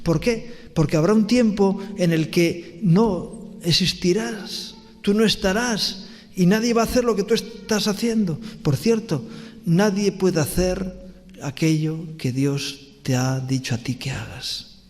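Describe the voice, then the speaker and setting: A man pastor with a Spanish accent preaching a sermon in a church, earnest, with pauses, restarts and rhetorical questions. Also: high-pitched, a little mellow. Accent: Spanish from Spain. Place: church hall. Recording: long church reverb.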